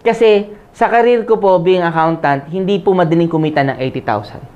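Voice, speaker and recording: Lively Filipino seminar speaker, dull recording. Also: male voice, high-pitched, brisk. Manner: conversational, asks the crowd "Tama?" often; jokes and laughs while telling his story. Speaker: motivational speaker. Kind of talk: live seminar talk to an audience.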